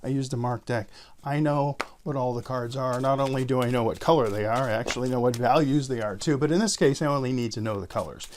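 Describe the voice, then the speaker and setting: A man's voice: mid-range voice, fast, a little mellow, slight background noise. A man speaking as a magician in casual card-trick patter and tutorial explanation, conversationally addressing viewers and imagined spectators directly.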